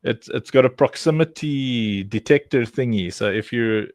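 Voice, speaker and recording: A man's voice: medium pitch, normal speed, a little mellow, dry recording, clean studio sound. A man hosting a casual livestream chat, joking and teasing his guests and coaching them to repeat words. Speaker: livestream host.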